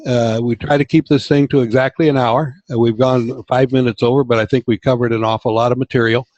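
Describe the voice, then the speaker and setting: A man's voice: mid-range voice, fairly even intonation, fairly quick, a little mellow, no room sound. Upbeat man hosting a video call. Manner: upbeat, encouraging, rambling. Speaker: webinar host. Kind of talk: casual online meeting talk. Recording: dull lo-fi call audio.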